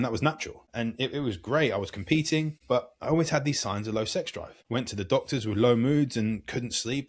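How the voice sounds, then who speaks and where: A man, a podcast guest giving long, earnest explanations as a hormone coach. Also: lowish voice. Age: 30s. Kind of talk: podcast interview.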